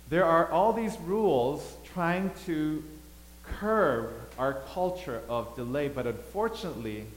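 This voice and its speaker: Pastor, male, preaches a sermon with loud peaks and hushed lines, reverberant sanctuary. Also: medium pitch. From Thailand. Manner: dynamic, swings between loud emphasis and quiet asides. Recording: echoey hall, faint hum.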